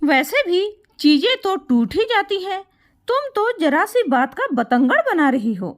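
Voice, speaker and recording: A dutiful grown son who reasons patiently and pleads earnestly, voiced by a woman storyteller. The voice stays very high and lively, close to the teller's own. It is a spoken storybook tale. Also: unhurried, exaggerated voice. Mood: reasoning.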